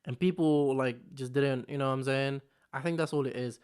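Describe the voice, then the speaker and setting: Speaking a little fast, this vlog host has a medium-pitched, smooth, slightly mellow voice with fairly even intonation. He's a young Filipino man raised in London since his teens, filming a casual solo vlog on a camera mic. He wanders off topic, says things twice, and often drops in "you know what I'm saying".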